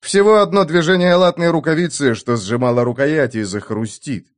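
A man narrating an adventure audiobook with a vivid, expressive reading. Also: on the high side, moderate pace.

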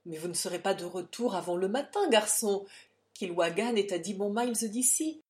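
A woman's voice: medium pitch, normal speed, close to an everyday voice. Brief: jovial older uncle, voiced by a woman, hearty and easygoing. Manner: hearty and good-humored. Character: jovial older male uncle, always laughing.

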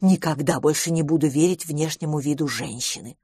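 A timid, easily flustered governess, as a woman puts her on in an audiobook, faltering and breathless. Her voice is low and husky, heard close and dry. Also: fairly quick, warm tone, no echo.

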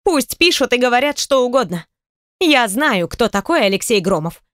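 A woman voicing a lively, bossy, caring middle-aged stepmother in an audiobook, high and animated in her scolding. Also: normal speed, no echo, studio quality. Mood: indignant.

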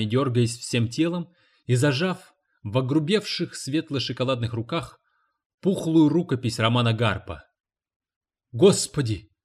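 A male audiobook narrator with a voice of middling pitch. He reads the novel in a measured, expressive way, clear scripted narration.

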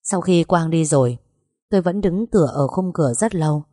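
A woman narrating a first-person audiobook in a calm, even storytelling manner, on a close microphone. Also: on the low side, fairly quick, dry recording.

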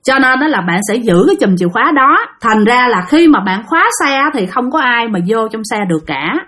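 Lively Southern Vietnamese woman telling stories. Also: fairly high pitch, fairly quick. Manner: chatty, addresses listeners directly, acts out quotes. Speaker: storyteller. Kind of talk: spoken ghost story narration.

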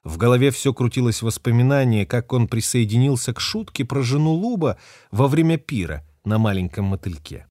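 A man narrating an audiobook in a dramatic, expressive reading. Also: medium pitch, fairly quick, dry recording, studio quality. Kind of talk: scripted narration.

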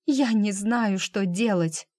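A woman's voice: medium pitch, slow pace, a little mellow, dry recording. Trembling, tearful young heroine, read by a woman, raised and pleading, dry close audiobook sound. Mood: desperate pleading. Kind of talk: audiobook character voice.

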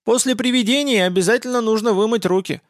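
A man's voice: sits high, fast talker, no echo, clean studio sound, pitched above the performer's own voice, natural voice. A man voicing a mumbling eager old woman. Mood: fussing.

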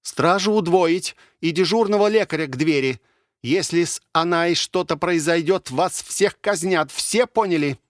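Haughty noble matron read by a man, higher than his own voice, peremptory orders, storybook fantasy. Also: unhurried, dry recording, studio quality, natural voice. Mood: commanding. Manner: commanding, peremptory. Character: imperious noble mother, middle-aged woman.

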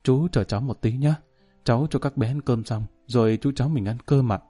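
A man voicing a kind young woman who speaks softly and soothingly to an older man. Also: mid-range voice, fairly quick, faint music behind, lightly acted.

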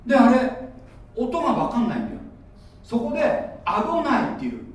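Brisk and very animated, a pastor with a very high voice explains his message like a teacher and questions the crowd. The recording sounds echoey, with him far from the mic.

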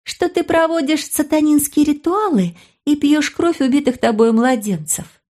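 A woman voicing a defiant, sharp-tongued pregnant teenage girl who snaps back at her brother, in an audiobook. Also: high-pitched, moderate pace, pitched above the performer's own voice, close to an everyday voice. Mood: indignant. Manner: indignant, snapping.

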